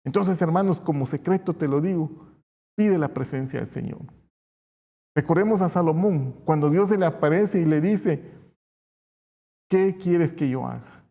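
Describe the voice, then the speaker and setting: A man's voice: on the high side, normal speed, vocal fry, pauses often, dark tone. A man with a Guatemalan accent preaching a sermon, explaining step by step and answering his own rhetorical questions. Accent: Guatemalan Spanish. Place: church. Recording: long reverb of a church hall.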